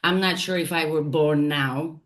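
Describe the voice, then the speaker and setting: A woman from Turkey speaks in a low voice as an interview guest. She is thoughtful and unhurried, pausing, restarting and reaching for words as she reflects. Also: fairly even intonation, a bit bright. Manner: thoughtful, halting, with frequent fillers and restarts. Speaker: guest, poet and translator.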